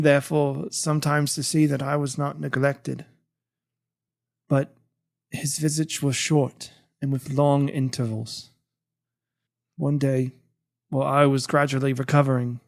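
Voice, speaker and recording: This medium-pitched, creaky male voice performs a guilt-ridden, anguished gentleman held in prison. It's a literary audiobook reading, delivered in a brooding, theatrical style.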